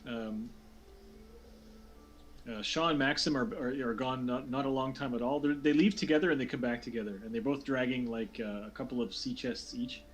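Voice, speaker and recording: A man's voice: mid-range voice, normal speed. A man narrating a tabletop fantasy game as game master, talking loosely with many fillers and restarts.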